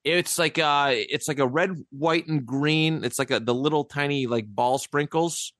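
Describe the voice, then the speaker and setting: A man's voice: a little high, a little slow, fairly bright tone, dry recording. Dry-voiced man hosting a sports podcast. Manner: rambling, laughs often. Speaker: podcast host. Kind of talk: casual sports chat.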